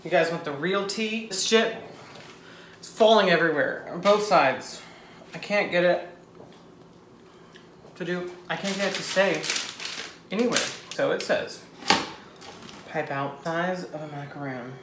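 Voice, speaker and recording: A man in his twenties chatting casually and excitably to camera as he bakes, giggly and gushing. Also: fairly high pitch, measured pace, pauses often. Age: 20s. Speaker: host of a home baking vlog. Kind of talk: casual chat to camera while baking. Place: home kitchen. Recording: echoey kitchen, clicks and background noise.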